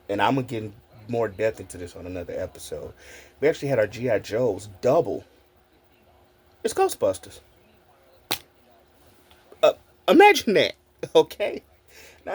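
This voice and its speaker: Man, 40s, husky voice, very lively pitch, casual vlog storytelling, laughs a lot, swears freely. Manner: animated, laughs often, talks straight to viewers. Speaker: content creator.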